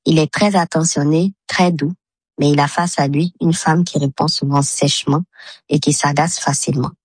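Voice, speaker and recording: Woman in her thirties, voice changer, very low altered pitch, dry close sound, steady reading. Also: normal speed, breathy edge, no room sound. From Mali. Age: 30s. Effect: voice disguised with a voice changer. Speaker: caller to a health radio show. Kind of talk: recorded message read aloud.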